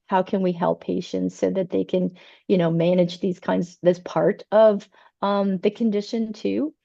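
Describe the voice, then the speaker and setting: Creaky, dark-voiced woman presenter, losing her voice. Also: on the low side, dry recording, lo-fi sound. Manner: warm, earnest, hesitant with many ums. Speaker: TCM herbalist presenter. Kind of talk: conference talk and Q&A.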